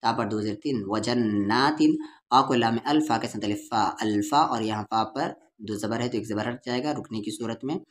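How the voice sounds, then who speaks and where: A man's voice: mid-range voice, fairly quick, slight background noise. A man with an Urdu-Hindustani accent teaching Quran reading, patiently spelling out syllables and drawing out the vowels. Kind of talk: letter-by-letter recitation lesson.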